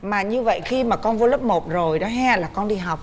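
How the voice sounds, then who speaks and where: Middle-aged Southern Vietnamese woman, talk show host, coaxing and chatty, mid-pitched, faint background noise. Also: expressive, fairly quick. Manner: warm, coaxing, speaking gently to a child. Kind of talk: casual chat.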